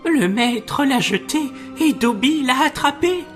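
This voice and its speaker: A man voicing a tiny, excitable male house-elf with a squeaky, high-pitched, drawn-out voice in an audiobook. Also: faint music behind, heavily acted. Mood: awed. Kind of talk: audiobook character voice.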